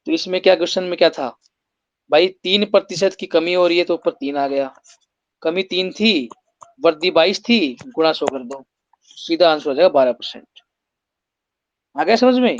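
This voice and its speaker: A man's voice: a little high, no echo, dull audio. A man teaching an exam-prep maths lesson, explaining step by step and putting rhetorical questions to his students.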